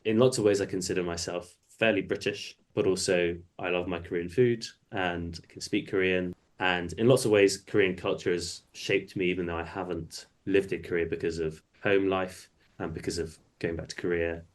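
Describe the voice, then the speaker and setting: Uk guy with a very low voice, co-host, calm and thoughtful. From United Kingdom. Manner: thoughtful, measured. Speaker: podcast co-host. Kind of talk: casual chat.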